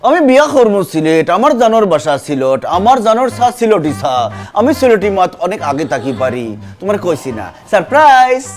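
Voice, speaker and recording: A man's voice: sits high, very animated, brisk, a little mellow. A young man acting an eager, boastful suitor in a comedy sketch. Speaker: comic actor playing a suitor. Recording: faint background music.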